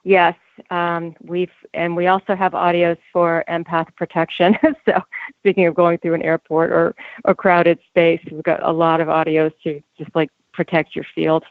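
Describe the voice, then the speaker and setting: A woman's voice: lowish voice, flat delivery, moderate pace, no room sound. Tinny phone-like woman, casual and hesitant. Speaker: guest presenting audio programs. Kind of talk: casual conversational presenting. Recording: tinny phone-like call, dry.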